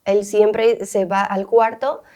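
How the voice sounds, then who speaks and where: Mellow-voiced woman co-hosting a faith chat. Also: medium pitch, level tone. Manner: warm-hearted, candid, quick to laugh. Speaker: co-host.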